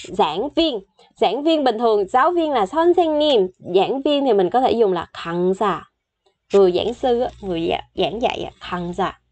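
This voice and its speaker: A woman's voice: mid-range voice, lively intonation. Woman teaching Korean, repeating words. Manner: repeats words slowly for practice, chatty with soft sentence endings. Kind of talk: online language lesson.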